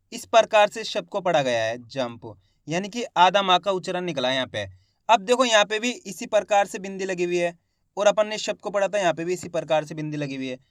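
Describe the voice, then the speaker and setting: A man teaching a step-by-step reading lesson, sounding out syllables slowly and answering his own questions. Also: high voice, a bit bright, no echo, studio quality. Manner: addresses viewers as friends, plain conversational teaching.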